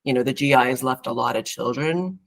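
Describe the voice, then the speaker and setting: Her voice is rumbling low and creaky, and she speaks a little fast. A therapist from California being interviewed on a podcast, she reflects casually and at length, often restarting and using fillers.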